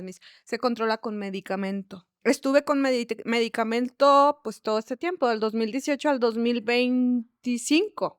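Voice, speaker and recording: A woman's voice: a little high, clean tone, dry recording, clean studio sound. A woman hesitantly sharing a personal testimony in a casual group. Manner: hesitant, searching for words.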